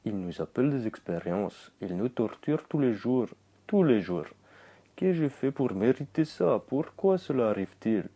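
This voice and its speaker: A man voicing a frightened, tortured prisoner in a put-on Russian accent, reading a letter slowly and pleadingly. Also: mid-range voice, dark tone.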